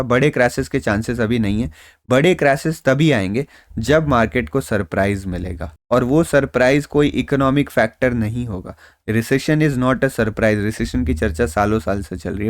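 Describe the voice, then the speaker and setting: A man's voice: medium pitch, dry recording, clean studio sound. A man giving casual, reassuring stock market analysis in a conversational way, mixing in English phrases. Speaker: stock market trader and YouTube host.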